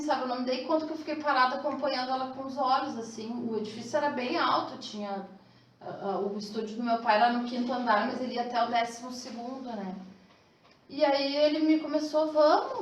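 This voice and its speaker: Woman, 30s, hesitant testimony; distant mic, very echoey room, faint hiss. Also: fairly high pitch. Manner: hesitant, rambling, many fillers. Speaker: class participant sharing a testimony. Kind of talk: personal testimony.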